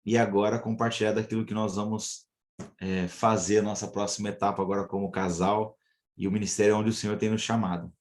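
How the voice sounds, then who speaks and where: Lowish-voiced missionary guy, earnest, takes his time with pauses. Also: little pitch movement. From São Paulo state, Brazil. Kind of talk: church testimony.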